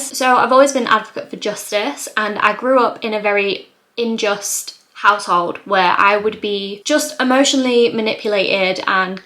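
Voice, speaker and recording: A woman's voice: mid-range voice, bright, forceful tone. A young woman in her twenties telling a personal story to camera, chatty and earnest, saying "like" a lot. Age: 20s. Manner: chatty, heavy use of "like", lots of repetition; emotional, earnest retelling. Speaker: vlogger. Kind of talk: casual confessional storytime.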